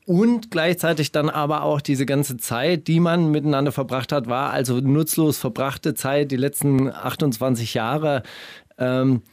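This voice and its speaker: A man hosting a podcast in a casual chat, halting and restarting his phrases, chuckling as he talks. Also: medium pitch, darkish tone, dry recording, clean studio sound. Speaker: podcast host.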